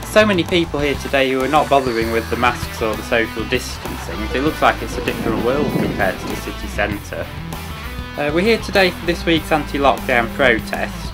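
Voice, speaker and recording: Guy narrating his vlog, plain and matter-of-fact, clear guitar under him. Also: medium pitch, expressive, brisk. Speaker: vlog host. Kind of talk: scripted narration. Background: guitar music.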